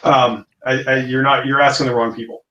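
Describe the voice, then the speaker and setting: A man playing a tabletop game, chatting casually and haltingly as he feels for words. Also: medium pitch, flat delivery, pushed and bright, highs cut off. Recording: faint background noise.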